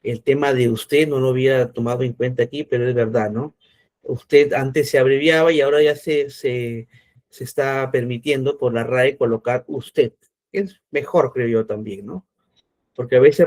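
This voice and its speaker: A man's voice: medium pitch, a little mellow. A man teaching an online class, explaining step by step and checking in often with his students.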